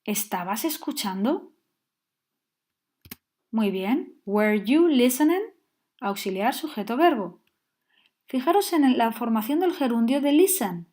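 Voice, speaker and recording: Woman teaching grammar, slightly high. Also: animated, slow pace, pauses often, warm tone. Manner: clear, patient explaining with frequent check-ins. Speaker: English teacher. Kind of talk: grammar lesson.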